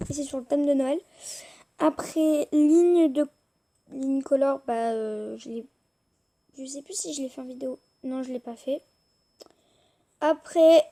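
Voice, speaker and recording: Young woman, high voice, mellow tone, hesitant filler-heavy chat, tablet mic. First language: French. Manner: rambling, hesitant, many fillers. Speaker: YouTuber showing her tablet apps. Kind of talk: casual screen-recorded chat.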